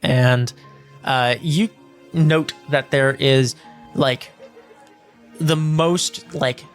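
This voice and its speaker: A man's voice: medium pitch, fairly even intonation, extremely slow, faint music behind. A man narrating as game master of a tabletop game, rambling and filling gaps with 'like' and 'um'.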